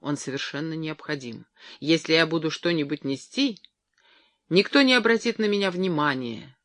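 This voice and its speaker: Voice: mid-range voice, normal speed, dry recording, studio quality, close to an everyday voice. A reader doing Jerry, a plotting husband. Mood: scheming. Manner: hushed, plotting. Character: scheming husband, conspiratorial and bold. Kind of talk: audiobook character voice.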